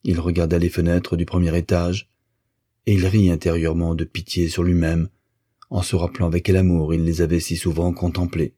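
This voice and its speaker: A man reading a literary novel aloud as an audiobook narrator, in a measured, even way. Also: low-pitched, breathy edge.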